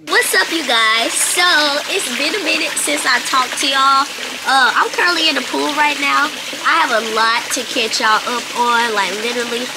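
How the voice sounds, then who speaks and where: A woman vlogger chatting casually and informally to her viewers in slangy speech, recorded on a phone. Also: high voice. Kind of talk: casual vlog chat to viewers. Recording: noisy outdoor phone recording.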